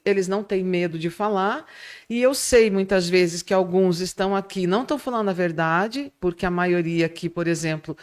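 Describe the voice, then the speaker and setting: A middle-aged woman with a Brazilian accent, a public speaking teacher telling lively stories in an interview. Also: medium pitch. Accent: Brazilian Portuguese. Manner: animated storyteller, acts out quoted students. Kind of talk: interview answers, storytelling.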